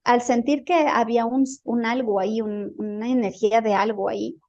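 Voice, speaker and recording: A woman's voice: a little high, steady tone, normal speed, darkish tone, muffled recording. A woman in an interview, telling a personal experience in a casual, hesitant way and repeating words as she searches for them. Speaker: guest recounting a healing experience.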